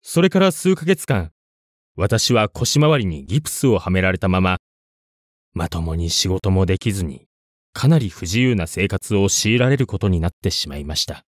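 A man narrating a scripted ghost story in a suspenseful, dramatic way, with deliberate pauses. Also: sits low, expressive, no echo, studio quality.

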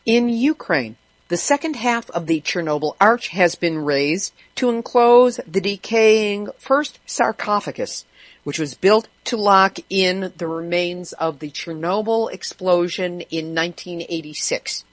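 A woman's voice: on the low side, a little slow, dry recording. Wry woman host reading news. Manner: sarcastic, wry asides. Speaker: radio show host. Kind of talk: news commentary.

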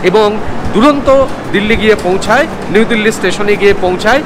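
A man's voice: high voice, brisk, background noise. Masked Bengali man explaining train details. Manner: informative, lists train details step by step. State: speaking through a face mask. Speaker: travel vlogger. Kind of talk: casual travel vlog narration. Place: railway platform and train coach. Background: music.

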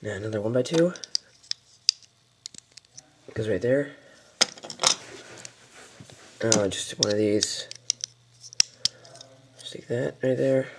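A man giving casual step-by-step building instructions off camera, halting, with fillers and mild mutters. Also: on the low side, background noise. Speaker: toy building tutorial maker. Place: indoors at a table.

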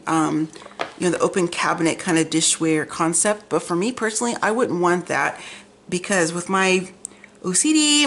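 A woman hosting a chatty, gushing magazine flip-through, rambling, with slightly effortful articulation as if half her face were numb from the dentist. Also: on the low side. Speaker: vlog host. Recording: clear background noise, room ambience.

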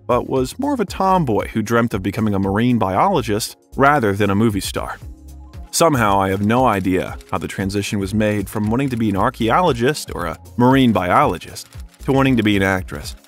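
A man narrating a scripted biography documentary, reading smoothly with a steady, even delivery. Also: lowish voice, a little fast, faint music behind.

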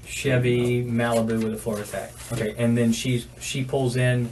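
A man's voice: mid-range voice, little pitch movement, moderate pace, darkish tone. Distant-miked American man asking methodical questions. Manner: methodical, repeats details back. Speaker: police detective. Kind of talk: interrogation questioning. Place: small bare interview room, indoors. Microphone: distant room camera. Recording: distant, noisy surveillance recording.

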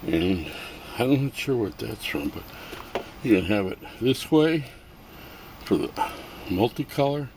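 A middle-aged man casually showing off toys and crafts in his home workshop, filming by hand and rambling with halting asides. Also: on the low side, sing-song. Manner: rambling, halting, self-amused. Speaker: toy customizer vlogger. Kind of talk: casual show-and-tell vlog. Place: cluttered home workshop and garage. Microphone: handheld camera, filming first-person. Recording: noisy home camera audio.

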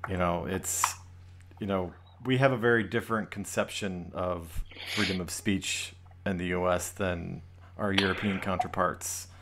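A man's voice: deep voice, steady tone, measured pace, fairly bright tone, a little hiss or hum. An American man in casual podcast talk, with a dry, wry manner and easy laughter. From United States.

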